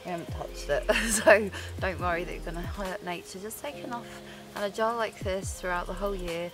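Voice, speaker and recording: Over music, a woman in her thirties vlogs from a forest, chatting to camera about foraging in an excited, giggly way. Her voice sits in the mid range and moves at normal speed.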